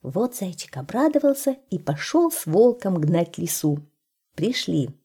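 A woman reading a fairy tale aloud in an expressive, sing-song storyteller's manner. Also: on the low side, measured pace, breathy edge.

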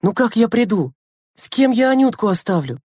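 A woman's voice: a little high, sing-song, normal speed, dark tone, slightly rough, no room sound, clean studio sound, pitched above the performer's own voice. A woman reading a storybook and voicing a stern, weary teenage older sister who scolds her siblings. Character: harried older sister, teen girl, stern and tired.

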